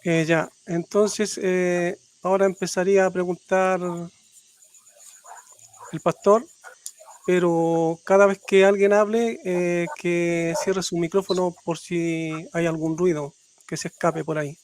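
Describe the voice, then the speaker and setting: A debate moderator from Chile explains the rules haltingly and keeps things on procedure. His voice is high for a man, and the sound is dry and close. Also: steady tone, darkish tone, clear, resonant tone, no room sound.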